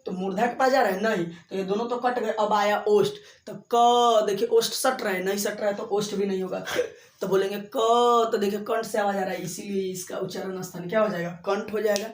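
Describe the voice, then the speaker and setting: A man teaching a school exam lesson at a board, explaining slowly and repeating himself, drawing out single sounds to demonstrate them. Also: sits high, fairly even intonation. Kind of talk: blackboard lesson for school exams. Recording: echoey room, voice far from the mic.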